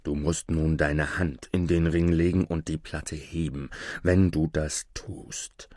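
A man voicing a scheming male sorcerer who talks low, hushed and slow, now menacing, now coaxing. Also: no room sound, clean studio sound, heavily acted.

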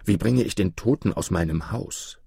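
A man voicing a frightened doctor who speaks in a hushed, fearful voice, in a storybook reading. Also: fairly low pitch, normal speed, gravelly, husky, dry recording, studio quality.

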